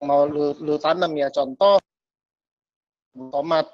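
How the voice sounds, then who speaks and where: A man's voice: on the high side, takes it slowly, no echo. A man talks over a bad online connection, his voice breaking up and cutting out in choppy bursts. The sound is dull and lo-fi with a dry, close feel, and he rambles casually in slang, often restarting his sentences. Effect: choppy audio cutting in and out over a bad online call connection. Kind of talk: casual motivational talk over an online call.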